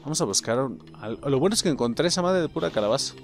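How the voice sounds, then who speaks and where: A man with a Mexican accent giving profane, excitable let's play commentary and yelling at enemies. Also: medium pitch, fast talker, faint music behind. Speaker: gaming host.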